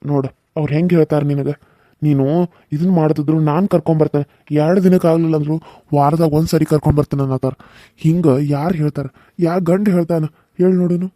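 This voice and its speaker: A man voicing an elderly village father in a cartoon serial, speaking in a slow, emotional, folksy way with a North Karnataka Kannada accent. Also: on the high side, fairly even intonation, dark tone, no echo, clean studio sound, lightly acted. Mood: consoling.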